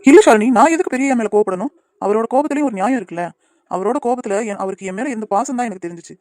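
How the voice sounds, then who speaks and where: A woman voicing a gentle, fast-talking cartoon young man. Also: fairly high pitch, no echo, clean studio sound, close to an everyday voice. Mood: sad. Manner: soothing, reassuring, quick talking. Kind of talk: cartoon voice acting.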